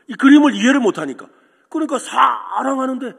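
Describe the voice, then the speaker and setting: A man's voice: high voice, lively intonation, fairly quick, fairly bright tone. A man preaching a sermon as pastor, telling a story and asking the congregation questions. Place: church sanctuary. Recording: echoey church hall with long reverb.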